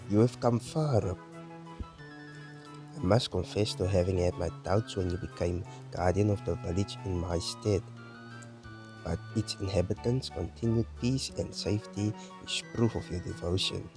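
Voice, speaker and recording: A man voicing a wise celestial mentor who speaks in a solemn, formal way, with a low voice. Game music plays clearly behind him. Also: moderate pace. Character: wise older male celestial guardian mentor.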